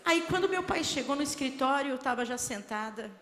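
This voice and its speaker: A woman's voice: high voice, expressive, brisk, a bit bright. A woman with a Brazilian Portuguese accent giving an emotional church testimony, telling her story in a heartfelt, repetitive way. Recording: long reverb of a church hall.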